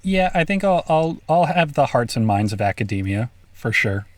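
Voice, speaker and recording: A man's voice: mid-range voice, sing-song, moderate pace, no echo. A man chatting casually on a podcast, his jokes delivered with a straight, mock-serious face. His voice sits in a middling register. The sound is dry and close, with no room around it. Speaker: podcast co-host. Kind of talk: casual chat.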